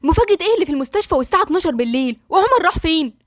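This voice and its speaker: An upset young woman fires off sharp questions in an Egyptian Arabic accent, voiced by a woman narrating a story. Her voice sits high and rushes along. The recording is dry. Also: dry recording, lightly acted. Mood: agitated.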